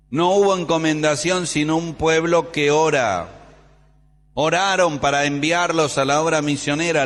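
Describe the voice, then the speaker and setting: A man preaching a sermon, quoting scripture and telling the stories with animated storytelling. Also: mid-range voice. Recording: long reverb in a large hall.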